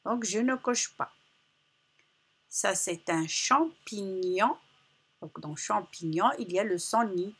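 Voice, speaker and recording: A woman teaching young children a phonics lesson, sounding out syllables slowly and repeating each one with care. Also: medium pitch, fairly bright tone, husky. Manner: slow, carefully articulated, repeats sounds for children. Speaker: primary school teacher.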